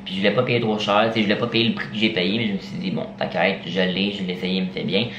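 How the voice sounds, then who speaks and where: A young man with a Quebec French accent talks casually to his camera at home, hesitating often and filling pauses. His voice sits fairly low. A faint hiss lies under the recording. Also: little pitch movement, dull audio. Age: young adult. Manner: chatty, full of fillers and hesitations. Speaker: vlogger. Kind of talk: casual vlog chat. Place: at home, indoors.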